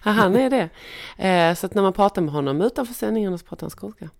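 A middle-aged woman from Skåne with a Scanian Swedish accent, chatting as a podcast guest and telling anecdotes in a lively way. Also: mid-range voice, vocal fry. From Skåne, Sweden. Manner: lively storyteller, mimics voices in anecdotes. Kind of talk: casual chat.

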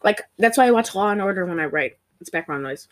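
A woman co-hosting a podcast, talking through a movie review in an animated, gossipy way with lots of fillers. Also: medium pitch, fast talker. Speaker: podcast co-host. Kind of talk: casual movie review chat.

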